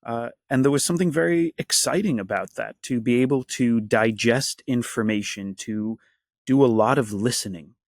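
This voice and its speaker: A man's voice: medium pitch, normal speed, creaky, no echo. Male interview guest, earnest and reflective, mid-range voice, dry close sound. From Washington, D.C. area, USA. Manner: earnest, reflective, builds long lists. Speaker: guest, actor and activist. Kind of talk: conversational interview.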